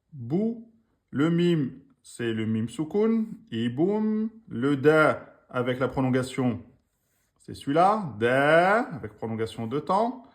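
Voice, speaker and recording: A man teaching Quran reading in during a live online lesson, patiently sounding out syllables again and again. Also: medium pitch.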